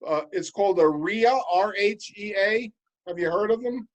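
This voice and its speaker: A man who is a comedian co-hosting a casual chat, setting up deadpan punchlines. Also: high voice, normal speed, low-quality recording. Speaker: comedian co-host.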